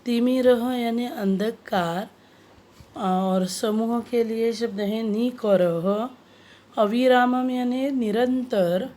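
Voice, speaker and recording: A woman teaching a language lesson, reading out words and their meanings slowly and having pupils repeat after her. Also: fairly high pitch, fairly even intonation, mellow. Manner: slow, deliberate, repeats words for pupils to echo. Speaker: Sanskrit teacher. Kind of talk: classroom lesson, explaining word meanings.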